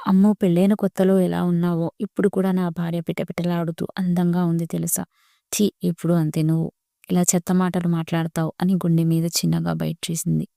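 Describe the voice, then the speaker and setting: A woman reading a romantic story aloud as narrator, speaking all the characters' lines in a steady, even reading voice. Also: fairly low pitch, brisk, creaky, no echo, clean studio sound.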